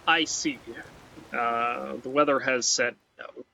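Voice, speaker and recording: Creaky and sharp in tone, at medium pitch with fairly even intonation, the let's play host talks slowly through a game in a rambling, casual way. He restarts sentences a lot and keeps tacking on "right?". The audio is muffled, a faint hiss running underneath.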